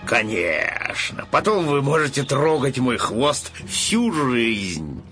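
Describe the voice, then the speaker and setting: Man voicing a crafty storybook lion who flatters his prey, low and drawn out. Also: faint music behind, exaggerated voice. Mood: sly. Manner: slow, low, honeyed. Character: sly smooth-talking male lion, king of beasts.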